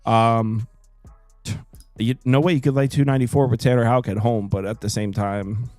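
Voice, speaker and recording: A man in his thirties hosts a sports betting chat show in an animated, self-mocking, joking manner. His voice sits at an ordinary middle pitch and sounds dry and close, with no room around it. Soft music plays faintly underneath. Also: normal speed, dry recording. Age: 30s. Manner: animated, jokey, self-deprecating. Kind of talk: casual chat.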